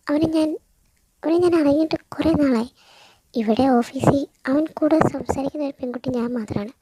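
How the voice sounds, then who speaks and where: A woman's voice: high-pitched, moderate pace, warm tone, no echo, natural voice, low-quality recording. A woman voicing a young woman who chides and reassures her friend in colloquial Malayalam. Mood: reassuring. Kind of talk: audio story role-play.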